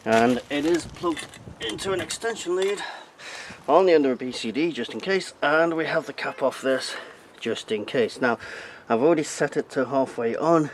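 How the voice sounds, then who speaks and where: This vlog host demonstrates something hands-on while delivering a muttering, joking, casual running commentary. His fairly high voice is animated at a normal speed, captured by a noisy amateur camera.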